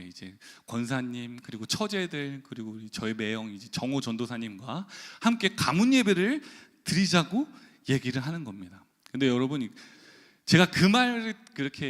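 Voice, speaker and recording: A man's voice: on the high side, fairly bright tone. A man preaching a sermon, telling a personal story with acted-out quotes and occasional laughs. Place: church sanctuary. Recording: long church hall reverb.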